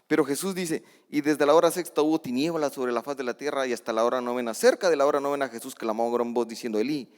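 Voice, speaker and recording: A male preacher delivering a sermon, reading scripture and explaining it, shifting between hushed readings and loud emphatic outbursts, with casual asides and self-corrections. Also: medium pitch, fast talker, hardly any pauses, smooth. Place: church sanctuary. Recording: long reverb of a church hall.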